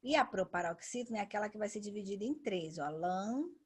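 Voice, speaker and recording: A woman teacher giving a patient grammar lesson, saying example words slowly and twice. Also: medium pitch, husky. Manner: patient, says each example word twice.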